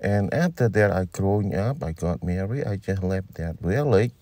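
A man's voice: sits low, animated, warm tone, no room sound. A man giving a plain English voice-over of a translated interview. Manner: plain, slow, unhurried delivery in simple English.

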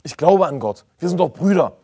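A man's voice: fairly high pitch, expressive, fairly quick, dark tone, breathy edge, voice pushed up. A smug male false teacher, all friendly assurance, put on by a preacher who mocks him. He talks of brotherhood in a self-satisfied tone, and the voice stays close to an everyday man's. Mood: mocking.

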